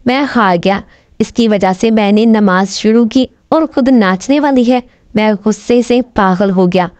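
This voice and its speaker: A woman narrating an emotional first-person story in a steady, feeling reading. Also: medium pitch, measured pace, no room sound. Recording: dull, dry recording.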